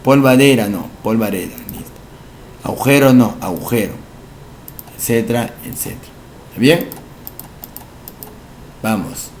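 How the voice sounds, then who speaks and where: A male language teacher, giving a recorded lesson for entrance exams, explaining slowly, repeating each word and asking rhetorical questions. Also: mid-range voice, a little mellow, a little hiss or hum.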